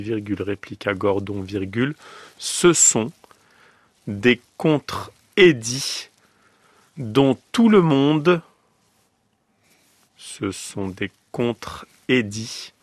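A man reads a dictation at a crawling, deliberate pace, naming each punctuation mark and spelling out names. His voice sits fairly low. The sound is close and dry. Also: dry recording. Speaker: dictation reader. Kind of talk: slow dictation reading on radio.

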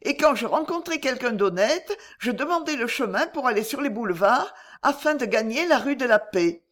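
A woman's voice: expressive, normal speed, fairly bright tone. A woman putting on a desperate young girl's voice. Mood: distraught. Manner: high, breathless, pleading delivery. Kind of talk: audiobook character reading.

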